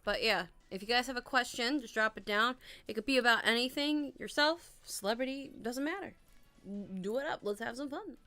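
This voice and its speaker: A woman's voice: fairly high pitch, normal speed, sharp tone. A woman around thirty chatting casually on a live stream and giving tarot readings, with an upbeat, rambling way of talking and a voice strained after losing it. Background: faint music.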